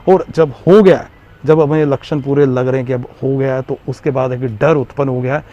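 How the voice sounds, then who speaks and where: A man's voice: mid-range voice, fairly even intonation, moderate pace. A man with a Jammu Hindi accent telling an interviewer about his illness in an earnest, repetitive way, full of fillers. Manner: earnest, repeats himself, frequent fillers. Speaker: interviewee, Covid survivor. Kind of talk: recounting personal story in interview. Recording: slightly muffled with faint background noise.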